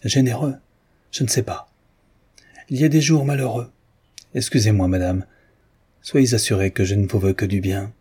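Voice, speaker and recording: A man's voice: fairly low pitch, fairly even intonation, moderate pace, long pauses, warm tone, slightly rough. A man voicing a reserved young woman healer. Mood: firm. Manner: firm, restrained.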